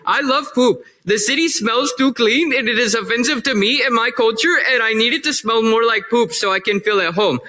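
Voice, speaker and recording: A man's voice: very high voice, normal speed, hardly any pauses, sharp tone. A man doing a crude mocking caricature. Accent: put-on Indian. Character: mocking fake immigrant man, crude heckler. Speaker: public commenter. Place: city council chamber.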